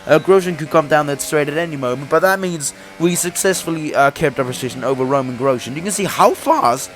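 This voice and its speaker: A young YouTuber with a high-leaning voice talks a little fast while faint music plays behind him. He says he is sick, and it shows in his slightly off voice as he narrates his racing game career race, laughing often and restarting sentences.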